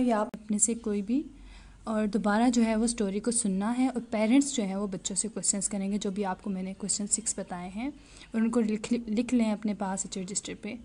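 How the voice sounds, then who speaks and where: A woman teacher giving an online class lecture, slowly explaining each word to young students. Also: medium pitch, dark tone.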